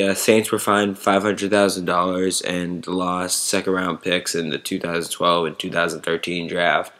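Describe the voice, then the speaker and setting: A man giving casual, unscripted sports commentary to online viewers in a halting way, searching for words. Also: deep voice, a bit bright.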